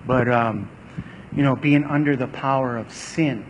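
A man from the audience asking a question, halting and searching for words. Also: medium pitch, slight background noise. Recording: distant echoing hall mic.

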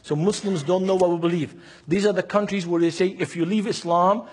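Speaking briskly in a high voice with a breathy edge and fairly even intonation, a Lebanese man from Beirut preaches at a seminar in a Lebanese Arabic accent. He is emphatic and repeats key phrases. He also acts out dialogue and asks rhetorical questions.

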